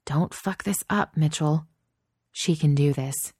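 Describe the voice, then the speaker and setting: Wry young woman with dry, teasing delivery and slow drawn-out lines, read by a female narrator. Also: deep voice, darkish tone, breathy edge, no echo, exaggerated voice. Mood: nervous. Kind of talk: audiobook character voice.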